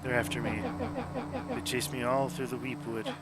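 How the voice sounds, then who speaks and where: A man's voice: mid-range voice, little pitch movement, normal speed, lightly acted. A man voicing a bitter, resentful boy who has mutated into a monster, reading game dialogue aloud. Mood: anxious. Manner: resentful, sneering.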